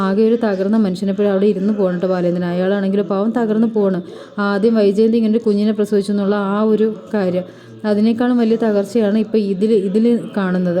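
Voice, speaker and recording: A woman recapping a TV serial episode in a rapid, run-on spoken retelling with fillers. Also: mid-range voice, dark tone.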